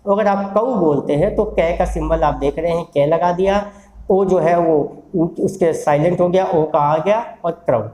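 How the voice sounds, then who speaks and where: Man, phonetics teacher, high voice, mellow tone, step-by-step explanation. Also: normal speed, hardly any pauses, roomy sound, low-quality recording. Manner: explains step by step, asking the class questions and answering them himself. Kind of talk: recorded classroom lecture.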